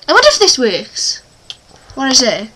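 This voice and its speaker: A woman's voice: sits high, wildly swooping pitch, moderate pace, very noisy. A woman with a North Welsh accent chatting and giggling playfully while filming a casual video. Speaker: vlogger. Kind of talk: casual chat.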